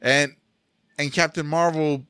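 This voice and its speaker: A man's voice: a little high, steady tone, slow pace, pushed and bright, clear, resonant tone, no room sound, clean studio sound. A man hosting a casual podcast chat, laughing often and tripping over his words. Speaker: podcast host.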